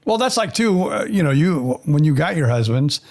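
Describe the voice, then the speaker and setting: A man's voice: a little high, very animated, moderate pace, vocal fry, a little mellow. A man hosting a podcast in casual interview talk, loose and full of uh fillers and restarts. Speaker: podcast host.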